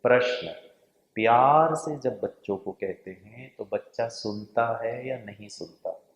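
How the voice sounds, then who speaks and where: Man, spiritual lecture, gravelly voice, echoey hall, dull lo-fi sound. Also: mid-range voice, takes it slowly. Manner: lively storytelling with humor and questions to the audience. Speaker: spiritual speaker.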